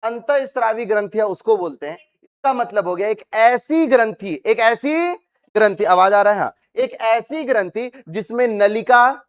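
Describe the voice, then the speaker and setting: A man's voice: high-pitched, a little slow, clear, resonant tone. A man teaching science to a live class, repeating questions and having students recite the terms after him. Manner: calls students "babu", teasing and scolding them. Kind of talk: classroom lecture.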